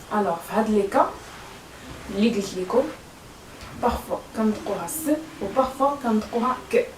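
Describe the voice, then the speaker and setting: A woman's voice: mid-range voice, a little mellow. Moroccan lady teaching french sounds, lots of umms, echoey room, faint hiss behind. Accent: Moroccan Arabic. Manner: hesitant, with many fillers and repeated words. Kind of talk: explaining French pronunciation to learners. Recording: echoey room, voice a bit far from mic.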